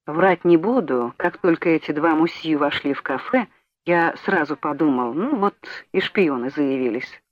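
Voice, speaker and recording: A woman's voice: low voice, animated, moderate pace. Woman reading as a gossipy café waiter. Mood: confiding. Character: chatty French café waiter, middle-aged man. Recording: dull lo-fi audiobook recording, dry.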